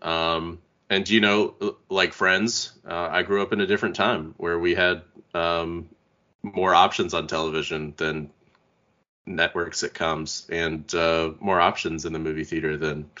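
Congested deep-voiced man hosting. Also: flat delivery, a little slow, sharp tone, muffled recording. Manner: rambling, hesitant with fillers. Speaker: podcast host. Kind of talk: casual chat.

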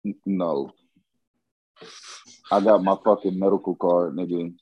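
A man's voice: deep voice, steady tone, measured pace, husky, no echo, highs cut off. A man chatting casually with friends as a podcast co-host, slangy and profane. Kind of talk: casual chat among friends.

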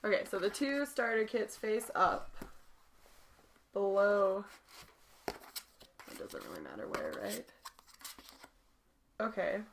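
A woman's voice: mid-range voice, wildly swooping pitch, slow, pauses often, noisy background. A young woman co-hosting a podcast, reading a board game story aloud with giggles and playful asides. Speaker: podcast co-host.

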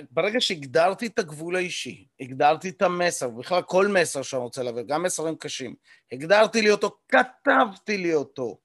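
A man teaching a live group about communication, explaining step by step, checking in with listeners often and pausing on hesitation fillers. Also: high voice, fairly bright tone, no room sound, clean studio sound. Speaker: communication coach leading a workshop.

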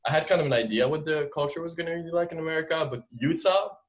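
Guesting on a podcast, a twenty-something man from France with a French accent explains his story in an informal, relaxed way, full of filler phrases like "like" and "you know." His voice is a little high and fast.

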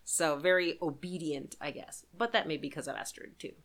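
Woman, low-pitched, casual podcast chat, laughs a lot, trails off. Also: fairly even intonation, brisk, fairly bright tone. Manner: chatty, laughs often, trails off mid-sentence. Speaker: podcast co-host.

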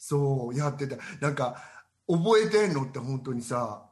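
A man chats casually as a podcast co-host. His voice sits at a middling pitch, and he talks in an animated way, drifting into asides. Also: normal speed. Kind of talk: casual chat.

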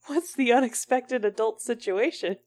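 A woman's voice: fairly high pitch, moderate pace, darkish tone. A woman co-hosting a podcast, chatting casually, laughing often, and reading blurbs aloud. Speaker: podcast co-host. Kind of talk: casual chat.

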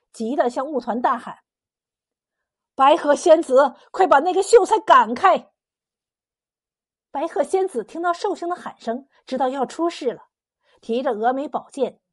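A woman narrating a folk legend as a storyteller in a lively, expressive way. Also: sits high.

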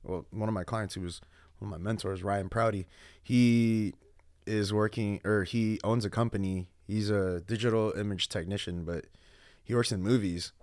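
A podcast guest in his thirties, born in the Philippines and from Guam and California, tells stories in a casual, slangy chat. He's animated and uses quoted asides. His voice is on the low side at normal speed, in a dry, clean studio recording.

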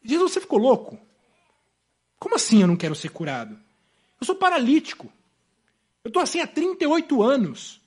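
A man's voice: extremely high pitch, big pitch swings, a little mellow, slightly rough, exaggerated voice. A preacher acting out an indignant paralyzed man. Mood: indignant complaining. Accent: Brazilian Portuguese. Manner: indignant, quick complaining retorts. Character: bitter paralyzed man complaining, hopeless adult male.

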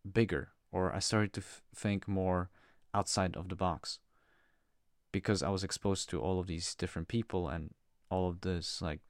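Low-voiced hesitant young man. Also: no room sound, clean studio sound. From Czech Republic. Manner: hesitant, full of fillers and restarts. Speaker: podcast guest. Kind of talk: casual personal conversation.

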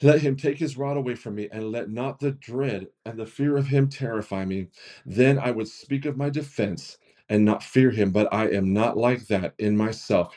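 A pastor reads a long scripture passage aloud in a mellow, darker voice. He is earnest and unpolished, tripping over words and correcting himself as he goes. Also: lowish voice. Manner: earnest reading with frequent stumbles and self-corrections.

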